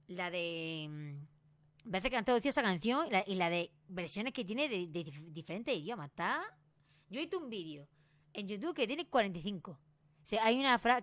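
A woman in her late twenties from Spain with a Granada Spanish accent, rambling excitedly in a casual vlog and restarting her sentences often. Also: mid-range voice. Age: late 20s. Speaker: YouTuber.

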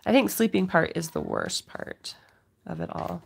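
A woman's voice: fairly low pitch, huge pitch swings, normal speed, creaky, breathy edge. A middle-aged woman with a cold, giving a casual craft demonstration to viewers as the host at home. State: has a cold, occasional cough. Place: indoors at a home craft table.

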